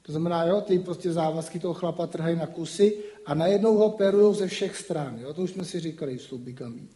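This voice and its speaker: A man's voice: a little high, warm tone. A man giving a casual spoken lecture, talking colloquially with frequent rhetorical asides. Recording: roomy echo.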